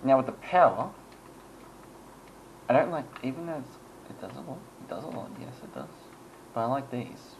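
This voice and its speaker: A man's voice: mid-range voice, animated, moderate pace, vocal fry, long pauses, a little hiss or hum, poor audio. A man giving casual, rambling gameplay commentary, chuckling and making self-deprecating asides as he goes. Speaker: gaming channel host.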